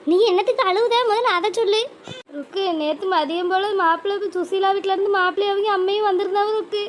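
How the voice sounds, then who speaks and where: A woman's voice: very high-pitched, fairly even intonation, fast talker, slight background noise. A fretful village mother. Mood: anxious. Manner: talks in long pleading, advising runs. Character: village mother, worried and advising, middle-aged. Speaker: cartoon voice actor. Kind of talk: cartoon voice acting.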